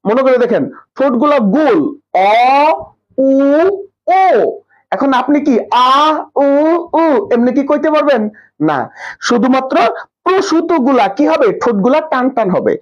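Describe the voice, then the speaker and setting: A young man leads a live online class, firing questions and repeating the answers back. His voice sits very high. The stream audio sounds dull and lo-fi. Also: animated, moderate pace. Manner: quizzing, drills students with questions and repetition. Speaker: online tutor.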